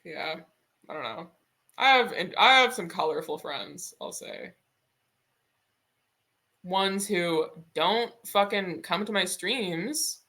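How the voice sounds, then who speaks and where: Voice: medium pitch, expressive, slow pace, pauses often, pushed and bright. A streamer in a casual drawing stream, musing aloud and swearing casually.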